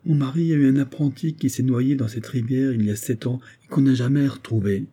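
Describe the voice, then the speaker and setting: A soft-hearted carpenter's wife in an old-fashioned storybook, tearful and pleading, her voice rising whenever her grief breaks through, as a male narrator puts her on. The timbre stays husky and dark. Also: medium pitch, fairly quick, voice pushed up, lightly acted. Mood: sad. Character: tender, tearful carpenter's wife, middle-aged servant woman.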